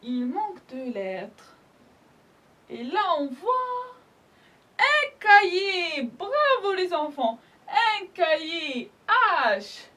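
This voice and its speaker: A woman's voice: very high voice, very animated, extremely slow, sharp tone. A woman teaching young children a French spelling lesson, speaking patiently, sounding out each letter and praising the class often. She speaks French with an Algerian accent. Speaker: primary school French teacher.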